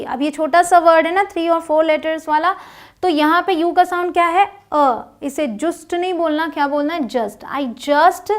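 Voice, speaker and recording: Woman teaching english sounds, high voice, slow and careful, spells stuff out letter by letter. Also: fairly bright tone. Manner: spells out letters, then says words slowly and clearly. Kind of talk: phonics lesson.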